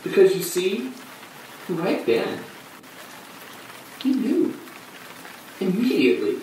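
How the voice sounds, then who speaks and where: An actor playing a flamboyant man who tells his story in a halting, breathless theatrical monologue. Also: high voice, sing-song, a little mellow, heavily acted. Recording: echoey room, distant mic, faint hum.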